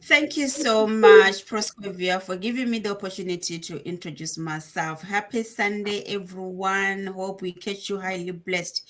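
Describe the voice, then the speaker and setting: A woman's voice: mid-range voice, fairly even intonation, normal speed, hardly any pauses. Gracious woman from Botswana. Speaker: co-host and mentor. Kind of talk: live online talk show.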